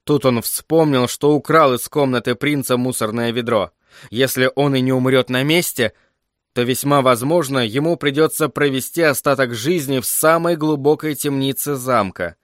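A man narrating a story in a measured, even reading voice. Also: medium pitch, dry recording, studio quality. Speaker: audiobook narrator. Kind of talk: scripted narration.

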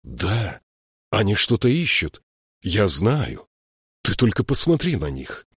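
A man reading the lines of an excited, impulsive young man in an audiobook. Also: on the low side, slow pace, husky, no echo, studio quality, heavily acted. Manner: excited, urgent.

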